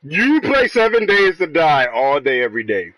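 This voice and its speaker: A man with a somewhat high voice that swings widely in pitch, needling and mocking a friend during a game stream. He argues freely and swears often. The sound is dry and close, with no room around it. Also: big pitch swings, normal speed, a bit bright, no echo. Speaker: gaming streamer. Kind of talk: heated casual banter with an online friend.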